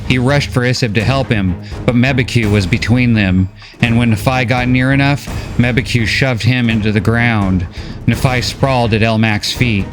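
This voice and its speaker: A man reading a novel recap as scripted story narration, steady and measured. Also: medium pitch, music in the background.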